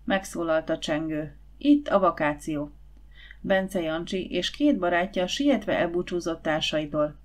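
Woman reading a children's audiobook. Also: on the low side. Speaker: audiobook narrator.

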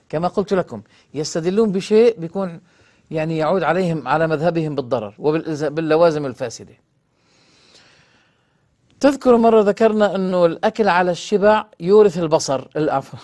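A man with a Levantine accent giving a religious lecture, posing rhetorical questions and slowing down to read quoted passages aloud. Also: a little high, a bit bright. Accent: Levantine Arabic. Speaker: religious scholar presenting a program.

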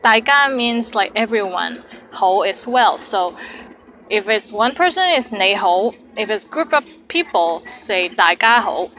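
Bright-voiced woman with a Cantonese accent. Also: mid-range voice, animated, measured pace, slight background noise, poor audio. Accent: Hong Kong Cantonese. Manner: explanatory, chatty asides. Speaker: language teacher and host. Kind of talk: casual language lesson with example phrases and commentary.

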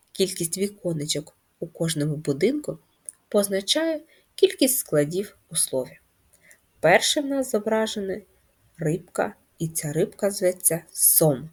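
A woman teaching a first-grade reading lesson, speaking patiently and clearly and stretching words into syllables. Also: fairly low pitch. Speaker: primary school teacher.

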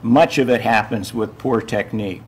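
Calm man speaking at a conference. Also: lowish voice. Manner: calm, thoughtful, slightly halting. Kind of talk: conference remarks.

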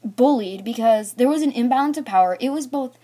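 A woman's voice: a little high, lively intonation, a little fast, dark tone. A teenage girl chatting through a personal story, rambling with lots of "like" and acting parts out with toys. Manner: rambling, filler-heavy, "like" in every sentence. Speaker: storyteller vlogger. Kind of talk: casual storytime chat.

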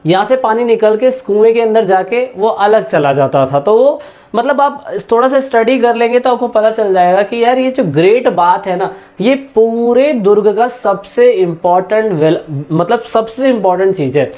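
A woman's voice: fairly high pitch, lively intonation, normal speed, dark tone. Chatty woman teaching history. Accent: Hindi-English mix. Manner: chatty, repeats key points, addresses students directly. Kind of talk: casual online lesson.

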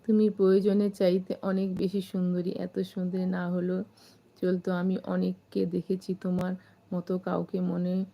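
A woman's voice: on the low side, completely flat delivery, moderate pace, vocal fry, warm tone. A woman from Kolkata, hosting a casual live stream and greeting viewers by name as she reads their comments. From Kolkata, India.

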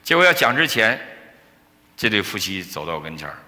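A man preaching a sermon as a pastor, telling a story in an animated way and acting out the dialogue. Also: on the low side, brisk. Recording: reverberant church hall.

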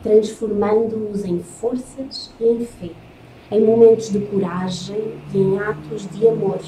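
A woman with a European Portuguese accent giving a spiritist lecture, reading from slides in slow, measured phrases with solemn pauses. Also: medium pitch, fairly even intonation, dark tone. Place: lecture room in front of a projected slide. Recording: echoey room, faint noise.

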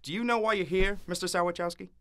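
A man voicing a fast-talking, harried male devil boss in an animated short, wisecracking and full of puns. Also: high-pitched, smooth. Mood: wry. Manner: wisecracking, punning, exasperated.

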